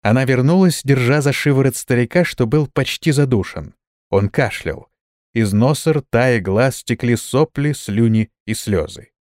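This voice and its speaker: Guy reading a fantasy audiobook, expressive, very dry sound. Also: medium pitch, moderate pace, no room sound. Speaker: narrator. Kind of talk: audiobook narration.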